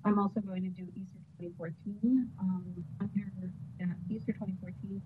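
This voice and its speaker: A woman's voice: mid-range voice, fairly even intonation, a little fast. A woman project manager giving a hesitant status report in a meeting, her connection cutting in and out. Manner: hesitant, with many fillers. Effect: bad connection, audio cutting in and out. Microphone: computer mic on a video call. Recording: tinny call audio with faint noise.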